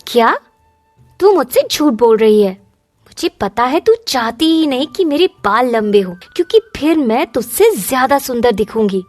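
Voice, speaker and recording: A woman voicing a spoiled, jealous teenage girl in a cartoon, with a shrill, mocking, bossy way of talking. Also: expressive, normal speed, darkish tone, dry recording, soft background music. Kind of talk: cartoon dubbing.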